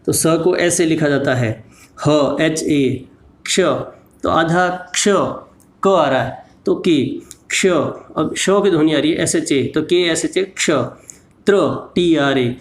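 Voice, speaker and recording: A man teaching with a slow, patient delivery, spelling letters out one at a time. His voice sits a little high, and the room around him echoes. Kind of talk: slow explanatory lesson.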